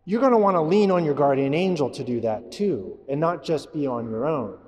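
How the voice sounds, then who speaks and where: A man's voice: fairly high pitch, lively intonation, a little fast, darkish tone. A man, a priest, giving a homily in a conversational way, often asking the congregation questions. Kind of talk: sermon. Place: church. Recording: long church reverb.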